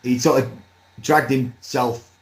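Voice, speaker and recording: A man chatting casually as a pundit, relaxed and rambling, with a light laugh now and then. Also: medium pitch, unhurried, poor audio. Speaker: boxing pundit. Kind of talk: casual chat.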